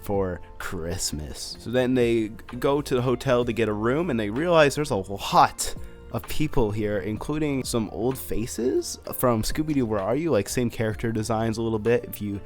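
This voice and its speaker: Animated young man chatting about cartoons. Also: mid-range voice, normal speed, faint music behind. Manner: animated, emphatic, slangy asides. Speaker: cartoon reviewer, channel host. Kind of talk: casual video commentary.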